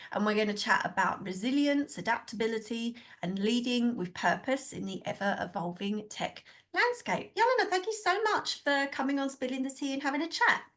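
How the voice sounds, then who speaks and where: A woman hosting an interview podcast, reading a bright scripted intro and then asking friendly questions. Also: fairly high pitch. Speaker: podcast host. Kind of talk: casual interview chat.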